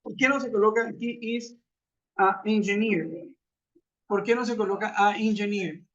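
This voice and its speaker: A man's voice: sits high, steady tone, fairly quick, a bit bright. A man teaching an English lesson in an online class, explaining patiently and asking rhetorical questions over a web conference. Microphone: computer mic on a video call. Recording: muffled web conference audio.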